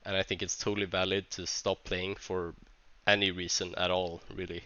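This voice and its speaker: A man with a Swedish accent, a tournament organizer who speaks English as a second language, reads a vlog script in a halting, hesitant way with many restarts while sounding stuffy from a cold. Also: low voice, flat delivery, bright, forceful tone, highs cut off. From Sweden.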